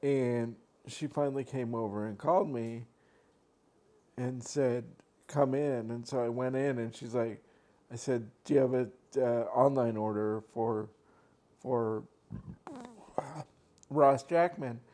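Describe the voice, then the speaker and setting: A mukbang vlogger with a mid-range, darkish voice speaks at a slow, steady pace with frequent pauses. He eats on camera at his desk beside a laptop at home, chatting casually and rambling with plenty of fillers and restarts.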